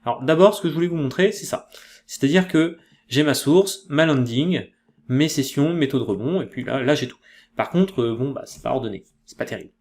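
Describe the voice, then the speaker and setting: A man with a French accent giving a casual software tutorial, chatty and loose, with many fillers and self-corrections. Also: mid-range voice, animated, brisk. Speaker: tutorial presenter.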